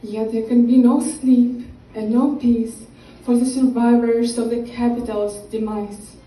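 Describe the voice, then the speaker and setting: A woman reading her novel aloud in a slow, measured way, letting her voice fall softly at the ends of lines. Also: a little high, steady tone, faint music behind. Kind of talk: literary reading. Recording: echoey room, distant from the mic.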